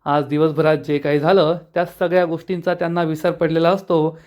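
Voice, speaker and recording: A man's voice: on the high side, little pitch movement, fairly quick, a little mellow. A man narrating a TV serial episode recap, telling the story step by step and quoting the characters.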